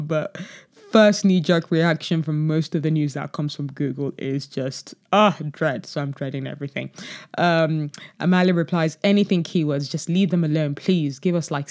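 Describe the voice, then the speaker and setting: A woman's voice: sits low, moderate pace, a little mellow. Chatty woman reading out chat replies. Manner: chatty, drifts into rants and playful asides. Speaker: podcast host reading audience replies. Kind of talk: casual solo commentary reading chat replies.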